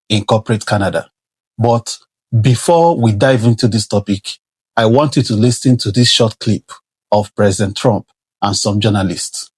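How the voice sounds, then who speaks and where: A man with a heavy non-native English accent, giving earnest, measured workplace advice to camera. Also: on the low side, breathy edge, no echo. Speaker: career vlogger. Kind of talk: advisory talk to camera.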